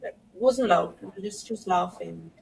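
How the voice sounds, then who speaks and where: A woman's voice: fairly low pitch, normal speed, vocal fry, darkish tone, a little hiss or hum, low-quality recording. A woman in her thirties, a podcast guest from India, telling a story in casual conversation and laughing now and then.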